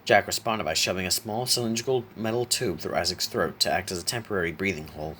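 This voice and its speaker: A man narrating a horror story in a slow, deliberate reading, now and then clearing his throat. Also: low-pitched, fairly bright tone, a little hiss or hum.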